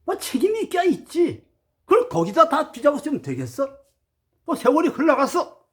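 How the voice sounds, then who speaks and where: High, lively-voiced man preaching emphatically. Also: normal speed. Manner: emphatic, swings between formal address and blunt casual speech; lecturing, rhetorical questions. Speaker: spiritual teacher addressing viewers. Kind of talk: preachy spoken monologue.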